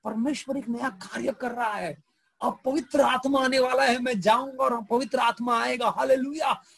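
Brief: exasperated teacher figure pressing for change, husky and high, done by a preacher. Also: male voice, steady tone, moderate pace, fairly bright tone, exaggerated voice. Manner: exasperated, urging.

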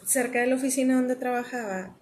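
A young woman with a Mexican accent, chatting casually and telling lively, slangy stories as a podcast co-host. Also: sits high, a little fast. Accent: Mexican Spanish. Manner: animated, slangy, acts out quotes. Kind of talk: casual storytelling chat.

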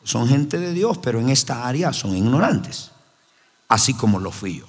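A man's voice: medium pitch, sing-song, moderate pace, slightly rough. A man preaching a sermon as pastor, emphatic and repeating his phrases. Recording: long hall reverb.

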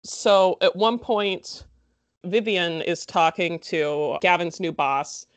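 A woman's voice: lowish voice, steady tone, slow pace. A woman recapping a movie in casual chat, sarcastic and full of "like" fillers. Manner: chatty, sarcastic, many "like" fillers. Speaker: podcast host recapping a movie.

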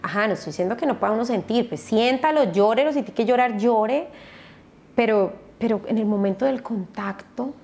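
A woman, a podcast guest and mother, telling her personal story in a halting way with many restarts. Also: a little high, vocal fry, darkish tone.

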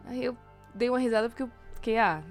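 A young woman from São Paulo with a Brazilian accent, an animated storyteller on a casual podcast who playacts the voices of the people she quotes. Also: on the high side, racing, faint music behind. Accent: Brazilian Portuguese, São Paulo. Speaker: podcast co-host. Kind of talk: casual chat.

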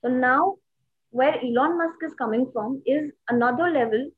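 A woman's voice: sits high, moderate pace, husky. A woman with an Indian accent explaining things casually, mixing English and Hindi and often checking that the listener follows. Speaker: guest commentator on investing. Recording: tinny, phone-like narrow line.

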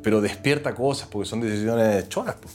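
A man with a Chilean accent, an actor and presenter, telling his story as an interview guest in an earnest, animated way. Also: on the low side, brisk, soft background music. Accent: Chilean Spanish. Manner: earnest, animated, voices other people when retelling. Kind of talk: reflective conversational storytelling.

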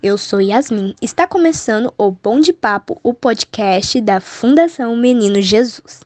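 A woman's voice: on the high side, expressive, a little slow, a little mellow, dry recording. Friendly woman podcast host. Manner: friendly, greets listeners casually. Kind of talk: upbeat podcast intro and outro.

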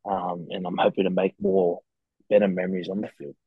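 A man's voice: sits low, very animated, brisk, vocal fry, husky, dry recording, narrow, tinny audio. A man chatting casually as a rugby player guest, laid-back and matey with slangy talk. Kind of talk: casual interview chat.

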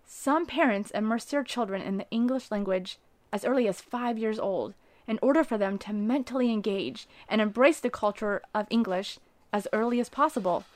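A woman's voice: fairly high pitch, normal speed, no echo. Earnest woman reading a devotional. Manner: earnest, rising to emphatic preaching on key phrases.

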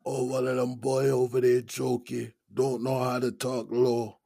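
A laid-back old inmate in his sixties, played by a man, with a thick Gullah Geechee accent and a deep, raspy voice. He drawls slowly through gravel and fry, close and dry in an audio drama. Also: completely flat delivery, mellow, no echo. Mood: easygoing. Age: 60s. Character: older male inmate, laid-back smoker.

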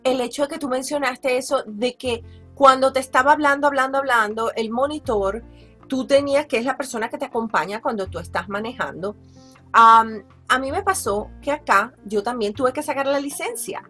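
A woman's voice: high voice, moderate pace, fairly bright tone, breathy edge, soft background music. A woman hosting a podcast, chatting casually and sharing her own story with frequent reactions. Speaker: podcast host. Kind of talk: casual conversational chat.

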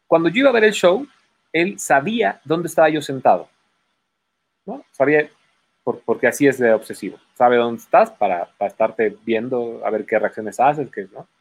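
A man's voice: mid-range voice, moderate pace. A man with a Mexican Spanish accent, telling stories in casual chat and acting out the voices of the people in them. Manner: animated storyteller acting out voices, laughing. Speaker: guest magician telling stories.

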